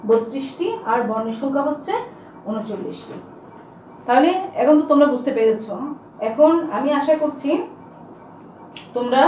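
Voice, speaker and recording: A woman's voice: high-pitched, darkish tone. A woman teacher giving a grammar lesson to her students, asking them questions and answering them herself. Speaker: school teacher. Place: classroom with a board. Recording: echoey room, mic far off, faint background hiss.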